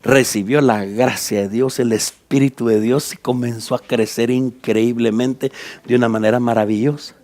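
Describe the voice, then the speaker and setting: Leading a Bible study for church leaders, this Guatemalan pastor with a Guatemalan Spanish accent works through scripture point by point and asks his listeners direct questions. His mid-range voice is a little mellow, with fairly even intonation at a normal speed.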